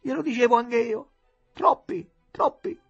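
A man's voice: very high voice, unhurried, creaky, a bit bright, breathy edge, highs cut off, faint music behind, voice pushed up, exaggerated voice. A man voicing an anxious, deferential male servant who stammers. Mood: resigned.

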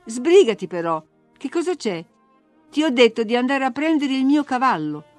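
A woman's voice: sits high, sing-song, moderate pace, a little mellow, no room sound, faint music behind, voice pushed up. A woman voicing a spoiled, imperious young girl who gives orders and grows indignant, in a storybook reading. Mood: commanding. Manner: bossy, indignant, whiny.

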